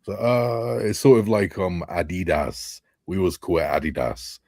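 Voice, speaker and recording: A man's voice: on the low side, fairly quick, dark tone, no echo, studio quality. A man with an English accent in casual podcast chat, joking, swearing and laughing often. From England. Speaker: podcast co-host.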